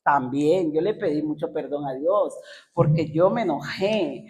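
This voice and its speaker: A woman's voice: low-pitched, a little slow, darkish tone, echoey room. A woman preaching a sermon in a church, emotional and acting out her own past words. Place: church hall.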